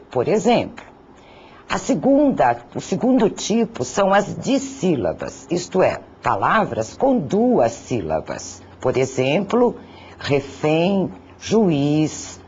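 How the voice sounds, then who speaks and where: A teacher narrating a grammar lesson, deliberate and careful, sounding out syllables and listing example words one by one. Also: medium pitch, a little hiss or hum. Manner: slow, deliberate, spells out syllables and lists examples. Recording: dull lo-fi recording.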